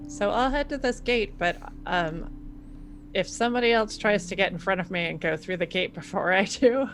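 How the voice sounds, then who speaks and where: A woman's voice: mid-range voice, moderate pace, a bit bright, faint music behind. A woman playing a tabletop game, speaking hesitantly and politely about her character's actions. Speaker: player. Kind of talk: casual tabletop role-play.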